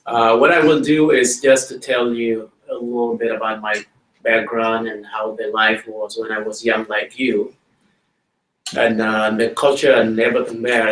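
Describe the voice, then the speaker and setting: A middle-aged man from South Sudan, speaking English with a South Sudanese accent, giving a plain, slow storytelling talk to schoolchildren in a school library. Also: lowish voice, fairly bright tone. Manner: plain, slow-paced storytelling, addressing children directly. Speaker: guest speaker. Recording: roomy hall audio from a distance.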